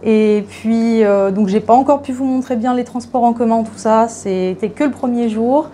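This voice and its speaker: A woman's voice: on the high side, normal speed, warm tone, a little hiss or hum. Chatty young woman vlogging a walkaround. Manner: chatty, hesitant, lots of fillers and restarts. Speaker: travel vlogger. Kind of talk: casual vlog chat, walking tour. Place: guest house indoors, walking around.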